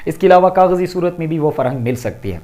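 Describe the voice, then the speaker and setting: A man giving a deliberate, explanatory lecture to students, addressing them politely as he explains a lesson. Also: a little high, lively intonation, dark tone. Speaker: Urdu teacher. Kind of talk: classroom-style recorded lecture.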